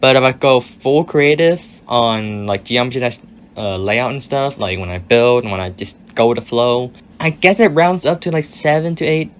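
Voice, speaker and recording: A young man with a raspy voice answering viewer questions in a casual, hedging monologue that often trails off. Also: medium pitch, moderate pace.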